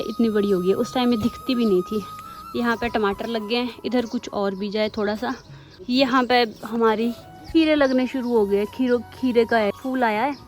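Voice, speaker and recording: A young woman from Himachal with a Pahadi Hindi accent, chatting casually through a village vlog outdoors at her farm. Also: fairly high pitch. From Himachal Pradesh, India. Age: young adult. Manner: chatty, shows things as she goes. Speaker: vlogger.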